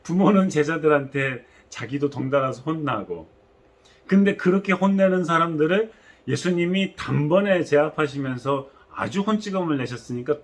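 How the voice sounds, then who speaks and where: A male pastor preaching a sermon, telling the story in an animated way with acted-out quotes. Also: on the high side, breathy edge.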